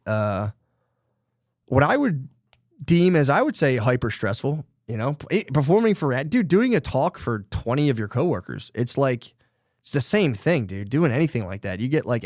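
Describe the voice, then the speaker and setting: A man's voice: mid-range voice, darkish tone, no room sound. A middle-aged man rambles through a casual podcast chat, cursing freely and running himself down. His voice sits in a middle register. It is recorded close and dry, with no room sound. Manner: rambling, self-deprecating, swears casually, says dude a lot. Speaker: podcast co-host.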